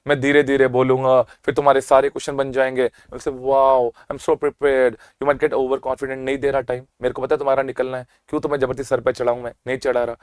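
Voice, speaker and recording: Energetic, teasing Indian male lecturer. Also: medium pitch, clean tone, dry recording, clean studio sound. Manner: energetic and teasing, stretches key terms slowly; quizzes the class and answers his own questions. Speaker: medical exam lecturer. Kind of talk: rapid-fire revision lecture.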